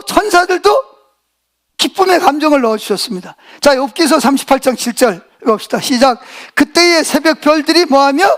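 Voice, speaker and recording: A man's voice: extremely high pitch, fairly bright tone. A middle-aged male pastor preaching a sermon, folksy and joking, who keeps asking the congregation questions and having them answer back.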